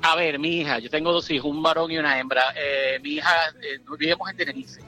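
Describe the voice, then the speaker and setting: A middle-aged man from Venezuela talks with a bright, forceful edge in a slightly higher register than most men. He tells his stories in a chatty, emphatic way, leaning hard on key words as an interview guest. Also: fairly even intonation, fast, muffled recording, faint music behind. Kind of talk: casual interview chat.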